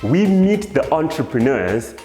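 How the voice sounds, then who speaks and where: A man's voice: on the high side, big pitch swings, unhurried, mellow. A man announcing a TV game show with dramatic, punchy scripted narration. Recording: echoey, reverberant hall with music under.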